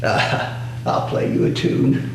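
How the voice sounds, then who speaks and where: Male actor doing a slow, folksy, cantankerous old river baron; lively sing-song delivery, heard from across an echoey, noisy room. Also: distant mic, close to an everyday voice. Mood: cranky. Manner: folksy, grumbling, talks back to an unseen doctor. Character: cranky elderly male riverboat magnate, stubborn. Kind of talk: one-man stage monologue.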